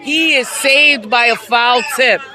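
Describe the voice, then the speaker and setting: A woman calling a softball game play by play from outdoors at the field, excitable and hyping each play with shouts. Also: on the high side, takes it slowly, crowd noise, background noise. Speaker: play-by-play commentator. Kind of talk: amateur sports commentary.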